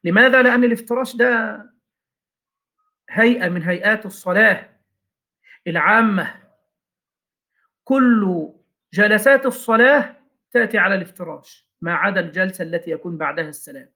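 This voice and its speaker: A man's voice: high voice, fairly quick, pauses often, pushed and bright. A man teaching a class on Islamic jurisprudence, reading lines from a text and explaining each with questions and examples.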